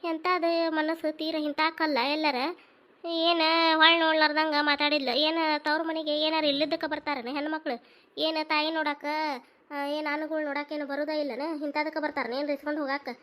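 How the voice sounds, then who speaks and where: A woman voicing a hurt young married woman who pours out her grievances in a plaintive North Karnataka village voice. Her voice sits high and light throughout this homemade family drama. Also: flat delivery, moderate pace, a bit bright. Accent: North Karnataka Kannada. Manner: complaining, plaintive village speech.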